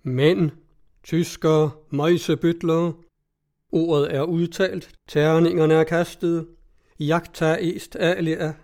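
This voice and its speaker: A man playing a pompous small-town orator, slow and declamatory, fairly high mellow voice, storybook reading. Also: flat delivery, natural voice. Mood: rousing. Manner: slow, declamatory, grandiose speechmaking.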